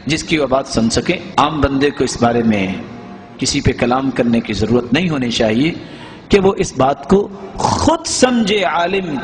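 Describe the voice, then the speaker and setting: A male Islamic scholar answering a question in an earnest, explaining religious talk, often putting rhetorical questions to his listeners. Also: fairly high pitch.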